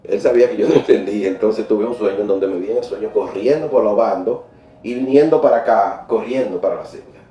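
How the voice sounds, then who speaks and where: Animated man telling his testimony. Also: lowish voice, brisk, reverberant, distant mic, a little hiss or hum. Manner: animated storyteller, laughs often, repeats words when excited. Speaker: interview guest giving a faith testimony. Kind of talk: emotional personal testimony. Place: church.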